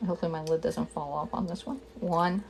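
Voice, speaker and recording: A woman's voice: sits low, fairly even intonation, fairly quick, vocal fry, a little hiss or hum. A middle-aged woman from Pennsylvania casually demonstrating a recipe in her home kitchen on a live stream, talking through each step and greeting viewers. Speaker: cooking demonstrator and kitchenware consultant.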